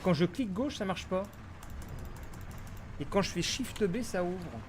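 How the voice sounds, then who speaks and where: A man's voice: high-pitched, lively intonation, unhurried, background noise. A man giving casual let's-play commentary, muttering to himself and grumbling in puzzlement as he plays. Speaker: gamer streamer.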